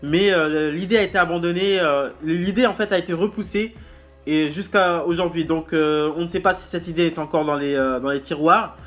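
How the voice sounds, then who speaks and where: A man hosting a casual wrestling news show, speaking bluntly with slang and pausing often with fillers and restarts. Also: fairly high pitch, faint music behind. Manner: hesitant, many filler pauses and restarts.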